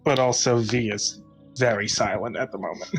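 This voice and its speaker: A woman with a low voice chats casually as a tabletop game player. Faint music plays behind her. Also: a little slow, slightly rough, rough recording. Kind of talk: casual chat.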